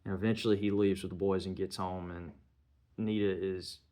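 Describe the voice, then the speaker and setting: A man's voice: low-pitched, little pitch movement, moderate pace, warm tone. A man giving a casual spoken film review, retelling the scenes step by step and slipping in bits of dialogue.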